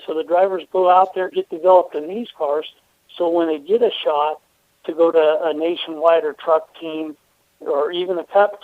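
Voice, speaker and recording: A man's voice: high-pitched, no echo. A man, a race team owner, talking through a radio interview by phone, explaining steadily with lots of "uh" fillers. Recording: tinny phone line.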